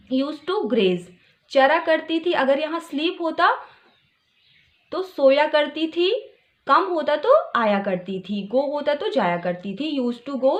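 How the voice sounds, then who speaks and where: A young woman with a notably high voice leads a tutorial lesson. She reads English phrases out slowly, then breaks down each word with patient explanation. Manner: explains word by word, slow when reading English lines aloud. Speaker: English teacher.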